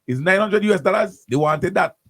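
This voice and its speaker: Man, radio host, lively husky rant, dry studio sound. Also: high-pitched, fairly quick, dry recording. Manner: animated, repetitive ranting with stammered restarts. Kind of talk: morning radio talk.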